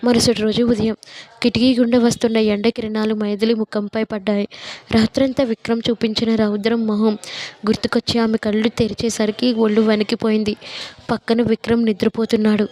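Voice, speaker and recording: Flat-voiced woman storyteller. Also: fairly high pitch, a little fast. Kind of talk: narrating an audio story.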